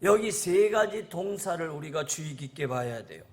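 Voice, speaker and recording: A male pastor preaches earnestly to his congregation, reading scripture aloud, repeating "라는 거예요" endings, and calling out to listeners as "여러분". His voice is fairly high with lively intonation and a darkish tone, at a normal speed.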